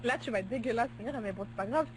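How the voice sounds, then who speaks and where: High-voiced woman reading sports scores. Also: very fast, a little hiss or hum, low-quality recording. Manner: stumbles over names, giggly. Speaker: news reader. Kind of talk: casual web radio sports flash.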